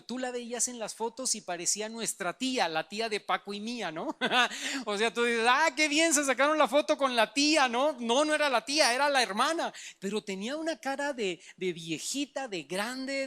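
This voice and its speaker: A man preaching a sermon, telling a family testimony in an animated way that swings from soft to loud. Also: sits high. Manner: animated storytelling, swings from soft to loud, laughs at his own stories. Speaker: pastor.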